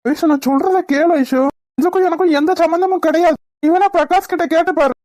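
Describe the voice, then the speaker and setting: A woman's voice: very high-pitched, steady tone, fairly quick, darkish tone, dry recording. A woman voicing a worried young man in a cartoon, who pleads and defends himself in an anxious manner. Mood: pleading. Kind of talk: Tamil cartoon voice acting.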